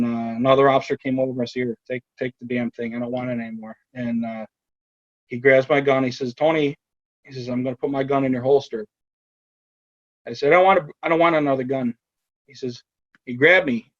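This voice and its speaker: A man recounts a violent encounter from his police career, speaking haltingly with frequent pauses and repeated words. His pitch sits in a middle range for a man. The recording is dry and a little dull, like a plain podcast mic. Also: dry recording. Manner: quotes shouted commands in a raised voice. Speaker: retired police officer telling his story. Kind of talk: personal account in a podcast interview.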